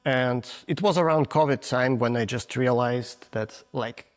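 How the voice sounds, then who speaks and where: A man's voice: mid-range voice, faint music behind. Russian-accented man in his forties. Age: 40s. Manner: frank, halting non-native English with restarts. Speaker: guest photographer. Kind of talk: casual interview answers.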